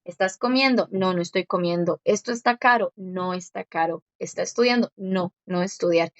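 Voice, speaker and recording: A woman teaching a Korean lesson in Spanish, explaining step by step and repeating words slowly. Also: lowish voice, no echo, highs cut off. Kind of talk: one-on-one language lesson.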